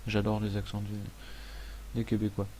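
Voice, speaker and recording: A man hosting a casual software tutorial, thinking aloud as he works, with frequent hesitations and friendly, self-mocking asides. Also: on the low side, monotone, moderate pace, slight background noise. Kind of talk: casual screen-recorded tutorial.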